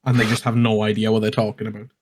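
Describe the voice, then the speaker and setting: A man's voice: fairly low pitch, flat delivery, very fast. A young man on a casual podcast, blunt and crude in his jokes. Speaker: podcast co-host.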